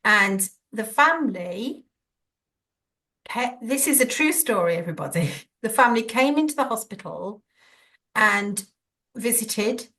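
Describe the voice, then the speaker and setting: A woman in conversation on a podcast, voice sitting at a middling pitch for her sex. She tells stories from her nursing days, acting out little exchanges as she goes. The delivery is chatty and animated. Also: measured pace. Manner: animated anecdotes with quoted dialogue. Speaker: podcast guest, former nurse. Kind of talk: conversational storytelling. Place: podcast interview.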